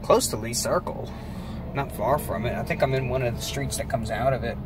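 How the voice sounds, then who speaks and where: An American man thinking aloud in an unhurried, casual way as he gives a rambling driving commentary. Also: medium pitch. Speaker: vlogger driving. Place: inside a moving car. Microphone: handheld phone. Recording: loud car and road noise.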